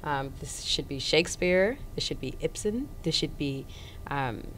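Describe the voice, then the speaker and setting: A woman from Florida with a Haitian family, a stage actor talking casually in an interview and pausing often with many ums. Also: sits low, animated, a bit bright, a little hiss or hum, low-quality recording. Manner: hesitant, many ums, idealistic.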